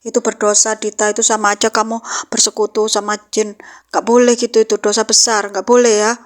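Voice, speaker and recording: A woman's voice: mid-range voice, little pitch movement, brisk, close to an everyday voice. A woman playing a devout father who firmly warns his daughter, repeating himself as he admonishes. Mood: scolding.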